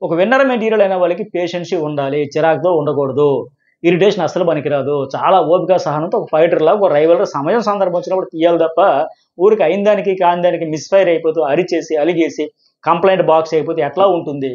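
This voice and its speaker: Rapid-fire Telugu man reviewing a show. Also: a little high, a little mellow. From India. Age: middle-aged. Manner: rapid, argumentative, rhetorical questions. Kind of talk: fast opinionated commentary. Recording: dull lo-fi sound.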